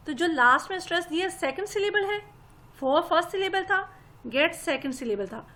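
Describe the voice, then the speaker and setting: High-pitched woman, teaching english step by step, patient, polite. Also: sharp tone. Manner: patient, explains step by step and addresses listeners as "janab". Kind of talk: spoken grammar lesson.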